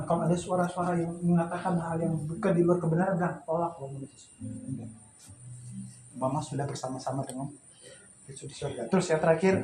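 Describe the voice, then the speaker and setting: Pastor preaching in an echoey room. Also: male voice, fairly high pitch. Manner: conversational storytelling with laughs and restarts. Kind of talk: sermon at a memorial service. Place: home memorial gathering.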